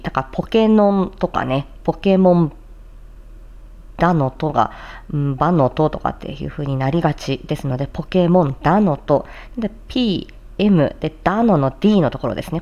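In a muffled recording, a woman with a low, dark-toned, animated voice speaks at normal speed while presenting a practice show as a voice performer. She explains and demonstrates recitation, mixing casual talk with formal script reading and focusing on articulation in tricky phrases.

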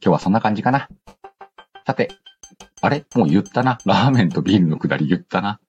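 An expressive, fast-talking man with a lowish, slightly mellow voice chats on a casual radio-style show, reading out listener letters in a playful, slangy style and breaking off into asides. Music plays behind the dull, lo-fi sound.

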